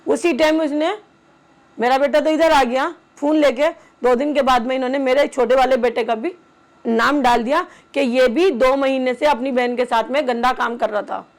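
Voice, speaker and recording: A middle-aged woman speaking haltingly, with many pauses, about her family as a mother. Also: high-pitched, fairly even intonation. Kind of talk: emotional personal testimony.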